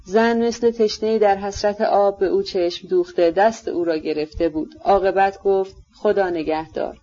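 An audiobook narrator giving a steady, measured literary reading of a novel. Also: medium pitch. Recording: slightly dull lo-fi recording.

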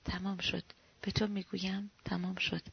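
A woman reads out a middle-aged man pleading with a frightened friend, pitying and insistent by turns. Her voice has a gravelly texture. The recording is dull and dry. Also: medium pitch, no echo. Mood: soothing. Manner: pitying, soothing, sometimes roaring.

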